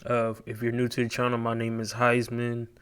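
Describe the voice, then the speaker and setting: A man's voice: medium pitch, completely flat delivery, moderate pace, fairly bright tone, clear, resonant tone. A man hosting a reaction video, chatting casually and laid-back with filler words.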